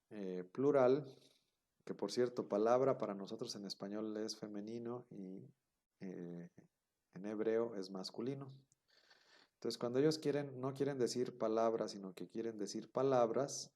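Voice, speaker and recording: A man's voice: mid-range voice, a little mellow. A man teaching a grammar class, explaining step by step and checking in with his students. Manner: explanatory, repeats key terms, checks with "¿no?". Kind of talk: recorded classroom lecture.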